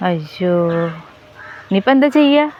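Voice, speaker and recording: A woman's voice: medium pitch, lively intonation, normal speed, highs cut off, a little hiss or hum. A young woman and mother chatting casually in a family vlog, coaxing and teasing small children.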